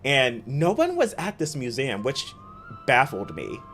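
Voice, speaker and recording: A gaming streamer chatting casually while playing, telling stories excitedly and talking to the chat. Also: medium pitch, unhurried, soft background music. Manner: excitable, giggly storytelling, talks to chat.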